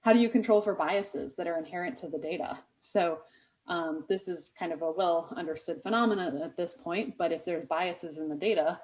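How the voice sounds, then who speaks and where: A woman's voice: on the low side, moderate pace, a little mellow. A woman giving a conference research presentation, speaking earnestly with many ums and restarts. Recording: dull lo-fi sound.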